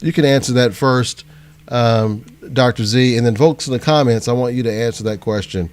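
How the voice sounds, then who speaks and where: A man's voice: medium pitch, normal speed. A man hosting a live online panel, chatting in a friendly way over a video call and laughing easily. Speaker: host. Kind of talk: casual live panel chat.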